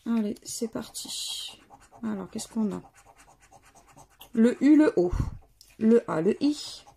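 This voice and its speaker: A woman talks unhurriedly over her scratch cards, her voice gravelly and husky. She reads letters and words in a low murmur that keeps sinking to near-whispers, and her tone stays dark and mellow. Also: lively intonation, slow. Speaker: scratch-card vlogger. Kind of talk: casual commentary while scratching tickets.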